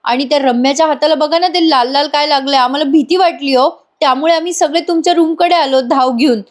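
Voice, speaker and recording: A woman's voice: high voice, quick pace, pitched above the performer's own voice, lightly acted. A worried young man calls out urgently and presses for answers, as a woman narrator voices him. He sounds protective and on edge. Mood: anxious.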